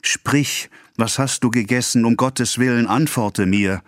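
A man's voice: sits low, level tone, fast talker, no room sound, studio quality. A man playing a frantic, devoted husband who presses with urgent questions. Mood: desperate.

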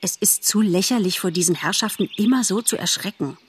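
A woman's voice: medium pitch, fairly quick, a little hiss or hum, natural voice. A woman voicing an earnest young male deer who soothes his mate and tries to act brave, in a storybook reading. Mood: coaxing. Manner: coaxing, earnest.

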